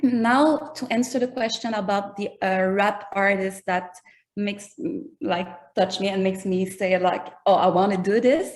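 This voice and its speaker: A native French speaker with a French accent appears as a musician guest in a casual interview, thoughtfully searching for her words in English. Her medium-pitched voice moves at a measured pace with fairly even intonation.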